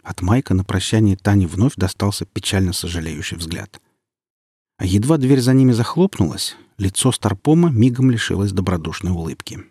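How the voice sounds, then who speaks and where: A man narrating an audiobook in an expressive, lively reading. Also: on the low side, normal speed, husky, dry recording, clean studio sound.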